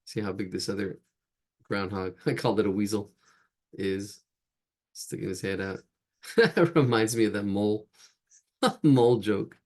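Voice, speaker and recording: Gravelly man teaching a drawing class. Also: on the low side, unhurried, pauses often, a little mellow. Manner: chatty, laughs at own jokes, drifts while drawing. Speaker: drawing instructor. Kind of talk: live online drawing class.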